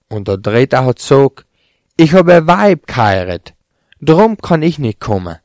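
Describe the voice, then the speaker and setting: A man reading a Bible chapter aloud in a steady, plain voice, lifting slightly on quoted speech. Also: medium pitch, no echo, clean studio sound. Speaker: scripture reader.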